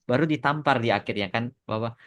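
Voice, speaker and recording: With a medium-pitched, fairly bright voice, an Indonesian podcast host and animation author explains things at a fairly quick clip during a relaxed Q&A, doubling up words for emphasis and dropping in English phrases.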